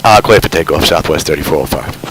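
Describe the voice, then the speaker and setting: A man's voice: a bass voice, fast. A man giving casual flight simulator commentary, mixed with pilot radio phraseology and procedural callouts. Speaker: flight simulator streamer playing airline pilot. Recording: loud cockpit and engine noise. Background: simulated airliner cockpit drone.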